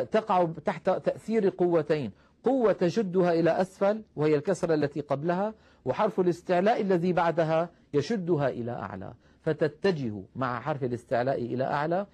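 A man teaching the rules of Quran recitation, explaining patiently, calling his listeners brothers and slowing down to recite example verses. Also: fairly high pitch, dark tone. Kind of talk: tajweed lesson.

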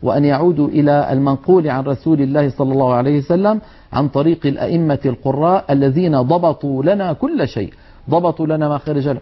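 A man gives a tajweed lesson in a fairly high voice, repeating sounds and earnestly correcting common errors. The recording is dull and lo-fi. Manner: demonstrates letter sounds, earnest and admonishing. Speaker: Quran recitation teacher.

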